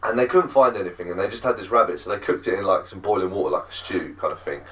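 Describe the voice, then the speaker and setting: Casting: fairly low male podcast host, rambling casual storyteller, a touch off-mic. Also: quick pace, fairly bright tone, recorded from a distance. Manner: rambling storyteller, loses names, swears. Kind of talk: casual chat.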